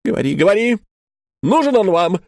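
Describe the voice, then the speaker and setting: A man voicing a desperate, furious wife who shouts at her husband in a story reading. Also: sing-song, normal speed, creaky, no room sound, studio quality, heavily acted. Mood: shrill furious. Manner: shrill shouting.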